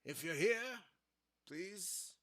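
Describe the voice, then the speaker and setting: A tired man hosting a casual reaction livestream, speaking haltingly and often repeating words. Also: fairly high pitch, expressive, fairly bright tone. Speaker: livestream host. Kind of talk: casual trailer reaction stream.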